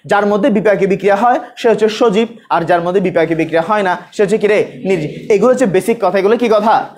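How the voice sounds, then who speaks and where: A man teaching an online exam-prep class. He asks his students questions, answers them himself, and repeats key terms slowly so they can say them back. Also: high-pitched, darkish tone. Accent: Bangladeshi Bengali.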